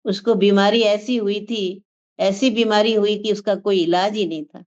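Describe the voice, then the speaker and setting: A woman's voice: medium pitch, fairly even intonation, moderate pace, darkish tone. A woman teaching a religious class, giving a spiritual discourse in an earnest, repetitive teaching cadence. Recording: dull lo-fi sound.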